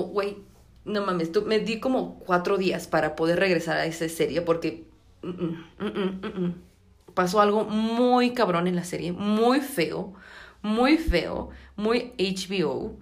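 A young woman with a Mexican accent who has just woken up, chatting animatedly and using lots of slang on her podcast. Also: on the low side. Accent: Mexican Spanish. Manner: animated, slangy, gasps and exclaims. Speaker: podcast host. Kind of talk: casual chat, series review.

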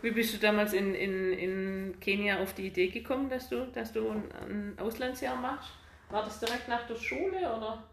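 A woman's voice: mid-range voice, normal speed, roomy sound, slight background noise. A woman interviewing a guest, asking questions and encouraging her with frequent backchannel sounds. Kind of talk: conversational interview.

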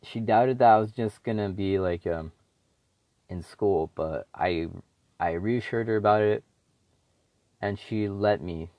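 A teenage boy hosts his own podcast solo, speaking in a lowish, unhurried voice with frequent pauses. He rambles casually, swears often, and uses plenty of fillers and restarts, captured in a muffled recording with no room sound.

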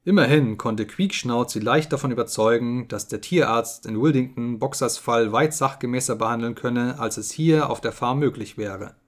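Man reading a story aloud, calm and steady, medium pitch. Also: moderate pace, hardly any pauses. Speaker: audiobook reader. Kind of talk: scripted audiobook narration.

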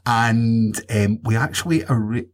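A man hosting a casual gaming podcast, introducing segments and thanking listeners in a steady, friendly way. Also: medium pitch, unhurried. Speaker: podcast host. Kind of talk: casual chat.

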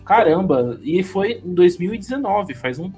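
Guy with a high voice just chatting, bit of music low in the back. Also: animated, moderate pace, darkish tone, breathy edge. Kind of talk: casual chat.

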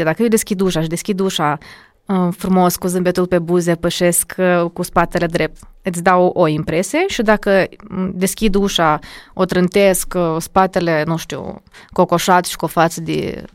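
Animated woman, diction coach. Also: fairly low pitch, dry recording, studio quality. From Moldova. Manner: animated, acts out examples. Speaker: diction and public speaking coach. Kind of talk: podcast interview guest.

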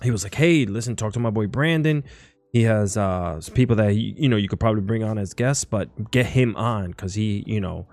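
A man's voice: on the low side, fairly quick, darkish tone, dry recording, faint music behind. A man hosting a podcast, talking casually in a rambling, enthusiastic way. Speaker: podcast host. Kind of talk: casual interview chat.

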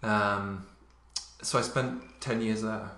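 A man in his thirties, raised in England and Luxembourg, telling stories in a relaxed way with many fillers. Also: fairly low pitch, slow pace. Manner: relaxed storytelling, many fillers, occasional laughs. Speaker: interview guest. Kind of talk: casual conversation. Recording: echoey room.

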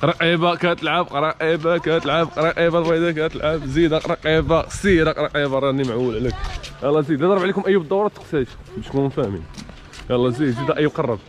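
A young man with a Moroccan accent hosting a challenge game, urging the players on with rapid repeated calls and frequent laughter. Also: on the high side. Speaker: host running a challenge game. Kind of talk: energetic game commentary.

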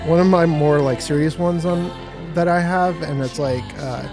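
Male co-host, slightly high pitch, rambling and keen, casual chat. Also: normal speed, music in the background. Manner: rambling, enthusiastic. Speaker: podcast co-host.

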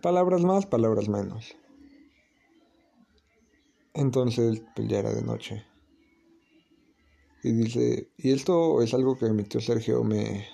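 A man tells a spooky family tale as host of his own show. His voice is heavily gravelly and very dark in color. He talks casually, with pauses and restarts. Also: lowish voice. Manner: relaxed, hesitant storytelling with restarts. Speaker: podcast host. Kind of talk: casual storytelling.

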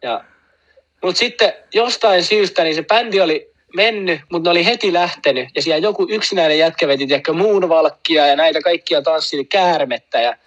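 A man with a slightly high voice rambles through a story in relaxed chat, stacking fillers and asides as he goes. The sound is dull and a bit lo-fi. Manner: rambling, full of fillers, laughs at own story. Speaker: guest telling a story. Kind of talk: casual anecdote.

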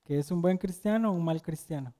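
A young man gives a casual, conversational sermon in a slightly high, mellow voice. He keeps turning to the listeners with questions and slips into personal stories between the verses. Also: fairly quick. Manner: asks the audience questions and tells personal stories. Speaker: preacher.

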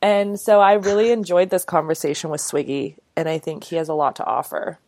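A woman in her thirties co-hosts a podcast, her voice sitting on the low side with a steady, slightly mellow tone. She talks fairly quickly in a chatty, bubbly way, scattering lots of casual fillers like "like" and "you know."

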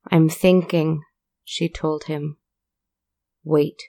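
A woman voicing a heartbroken, lonely lady who speaks softly and guardedly. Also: deep voice, flat delivery, drawn-out words, dry recording, heavily acted. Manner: soft, hushed.

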